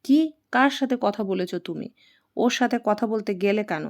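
A woman voicing a patient young husband who speaks gently and teasingly. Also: medium pitch, expressive, normal speed, natural voice. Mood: alarmed.

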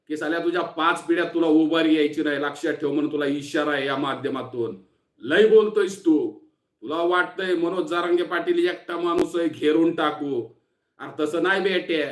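A man's voice: a little high, fairly bright tone, echoey room. A man from Maharashtra with a sore throat, giving an angry, taunting political warning speech. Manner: fierce, taunting, threatening. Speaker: activist speaking to camera.

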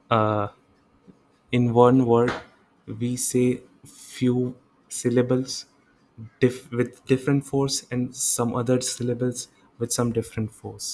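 A man's voice: medium pitch, darkish tone, low-quality recording. A man giving an exam revision lecture, reading English points and explaining them in Hindi, correcting himself and repeating examples aloud. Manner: reads English slides slowly, explains quickly in Hindi. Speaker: online tutor.

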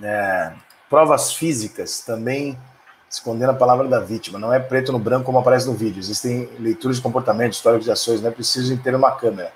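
Slight background noise and an echoey room surround a mid-range male voice. The middle-aged streamer has a Brazilian Portuguese accent and handles viewer comments in a casual but heated way, swearing and quickly flaring into rants.

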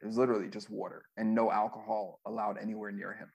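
A man's voice: lowish voice, little pitch movement, fast, creaky, a little mellow, slightly rough. A man, a former music manager, telling stories in a casual interview, loose and profane with lots of fillers. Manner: loose, profane storytelling with many fillers and acted quotes.

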